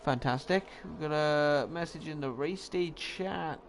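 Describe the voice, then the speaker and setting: Soft background music and steady noise accompany a young Welsh man whose gravelly voice sits on the high side and moves unhurriedly. He chats through live commentary of an online racing league, poking fun at himself and correcting himself often.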